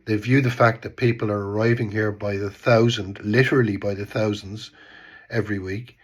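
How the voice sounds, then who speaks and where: At home in Bristol, a stuffed-up Irish vlogger in his fifties rambles through casual political commentary, repeating words and frequently trailing off with "type thing." His lowish voice is slightly rough, steady in tone and at a moderate pace, the cold plainly congesting him.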